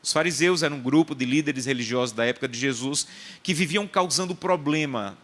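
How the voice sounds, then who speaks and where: A man's voice: fairly high pitch, fairly quick, fairly bright tone. A male pastor delivering a sermon, emphatic and repetitive, mixing personal anecdotes with scripture teaching.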